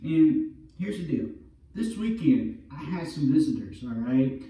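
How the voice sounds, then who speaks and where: A middle-aged man with a dark, relaxed voice talks informally to a camera. He sits a little way from the microphone in a bare room with heavy echo. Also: a little high, unhurried. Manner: informal, peppers talk with "look" and "all right". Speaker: vlogger and veterans' awareness campaigner. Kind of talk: casual talk to camera. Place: empty carpeted room indoors. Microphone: far camera. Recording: roomy echo, distant camera mic.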